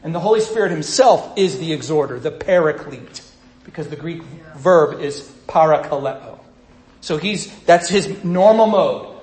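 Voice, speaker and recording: A man delivers a sermon in a conversational teaching style. His voice sits a little high, and he swings from loud urging to quiet, soft asides. The sound is echoey, as if he is speaking in a reverberant room. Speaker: pastor.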